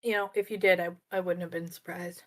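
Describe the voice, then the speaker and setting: A woman co-hosting a podcast in casual chat, relaxed and teasing with her partner. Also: lowish voice, fairly quick. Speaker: podcast co-host.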